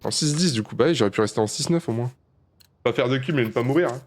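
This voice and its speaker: A man streaming a shooter game live, commenting as he plays, swearing often and mocking himself, with sudden high-pitched outbursts between calmer, low muttering. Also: fast.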